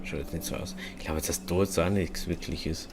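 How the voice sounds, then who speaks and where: Very low-voiced man grumbling through a game. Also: fairly even intonation, fairly quick, very noisy. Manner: slangy, grumbling, swearing. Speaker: let's play gamer. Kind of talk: casual gameplay commentary.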